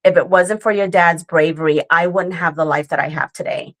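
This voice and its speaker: An earnest woman in her forties tells a personal story as an interview guest. Her voice sits a little low. She talks it through casually and keeps checking in with the listener. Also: fairly even intonation, brisk, a bit bright. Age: 40s. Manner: earnest storytelling with frequent "right?" and "like". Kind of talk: conversational interview.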